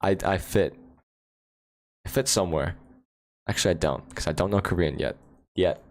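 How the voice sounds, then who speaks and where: Low-voiced man rambling on a livestream. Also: moderate pace. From United States. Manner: rambling, laughs often, answers chat questions. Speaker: livestream host. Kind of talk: casual livestream chat. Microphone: phone.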